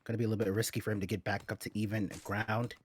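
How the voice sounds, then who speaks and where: A man's voice: on the low side, flat delivery, rapid-fire, slight background noise. A man casting a tournament as a host, doing play-by-play commentary with laid-back banter between calls. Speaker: esports caster.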